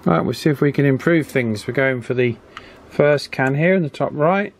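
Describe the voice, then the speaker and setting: Here a man speaks at a moderate pace in a medium pitch, walking through radio alignment as a hobbyist at his indoor bench. The tutorial is relaxed and practical, with him musing out loud as he goes. You can clearly hear workbench noise behind him.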